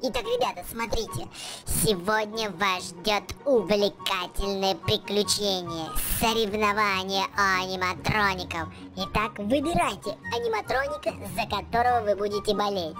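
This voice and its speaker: A video host giving excited game commentary for kids in an exclamatory way, repeating words in bursts. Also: medium pitch, normal speed, music in the background.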